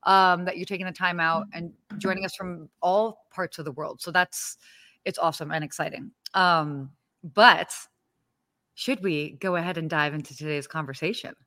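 A woman's voice: lowish voice, steady tone, moderate pace, pushed and bright, dry recording. A woman co-hosting a hospitality podcast livestream from her apartment, chatting in a bubbly, exclaiming way with plenty of fillers. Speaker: podcast co-host. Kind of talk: casual livestream chat. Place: home apartment.

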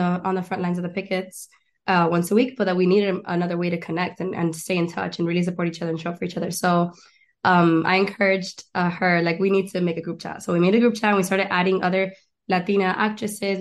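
With a fairly low-pitched voice, this chatty young guest comes from Miami and Argentina and works as an actress and stand-up comic. In a relaxed interview she talks eagerly, rattles off lists, and frequently restarts her sentences.

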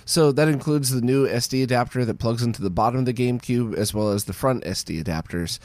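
A man with a hoarse, worn-out voice hosting a casual news roundup podcast. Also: mid-range voice, fast, darkish tone, dry recording. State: hoarse, voice strained from screaming at a concert. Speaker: podcast host.

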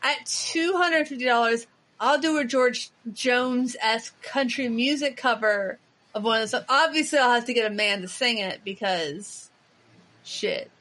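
A woman co-hosting a podcast in casual chat, animated and teasing, laughing and swearing often. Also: a little high, moderate pace. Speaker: podcast co-host.

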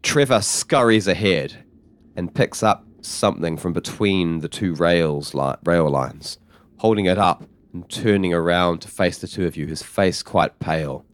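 Game master, male, lower voice, animated narration with lots of pitch movement. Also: a little slow. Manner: animated storytelling with frequent restarts.

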